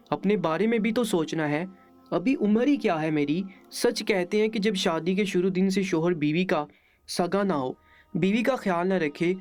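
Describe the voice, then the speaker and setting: A woman telling a moral story in the first person, in a steady, measured reading. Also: on the low side.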